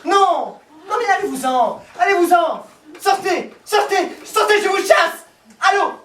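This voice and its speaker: A man's voice: high-pitched, big pitch swings, measured pace, noisy background. A male stage actor playing a lovesick man who pleads with his lover over the phone, talking theatrically and stammering in a live comedy performance. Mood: furious. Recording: echoey stage recording from far off.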